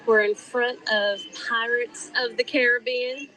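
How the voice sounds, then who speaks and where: Woman vlogger, outdoors at a park, relaxed chat, slightly high voice. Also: unhurried, a little hiss or hum, poor audio. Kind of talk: casual on-location vlog talk.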